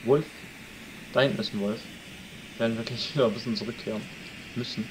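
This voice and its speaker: A man's voice: medium pitch, steady tone, fairly quick, noisy background. A man casually commenting on a survival game he plays, joking and talking to his viewers. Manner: chatty, jokey, talks to the audience, shouts at wolves. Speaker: let's play commentator.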